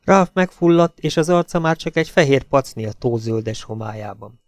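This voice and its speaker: A man reads a suspense novel aloud at a steady, measured pace. His voice has a gravelly fry at mid pitch. The recording is dry and close, with no room echo. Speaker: audiobook narrator. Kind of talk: scripted narration.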